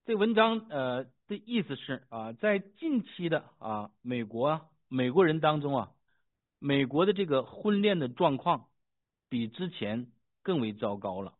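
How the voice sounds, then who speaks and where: A man pastor reading scripture, praying and preaching with fervent emphasis, pausing with fillers as he talks. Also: medium pitch, sing-song. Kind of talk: sermon with scripture reading and prayer. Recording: tinny phone-like sound.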